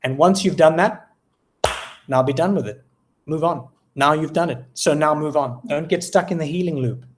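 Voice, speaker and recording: A man's voice: fairly high pitch, normal speed, slight background noise. A man with a South African accent, a poet talking as an interview guest, reflective and often hunting for words with fillers and restarts. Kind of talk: casual interview conversation.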